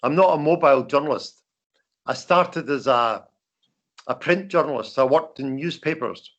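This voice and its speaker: An older man with a broad Scottish accent giving an informal talk as a veteran journalist, halting and repeating words. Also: a little high. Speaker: veteran journalist, guest speaker. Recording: dull lo-fi call audio.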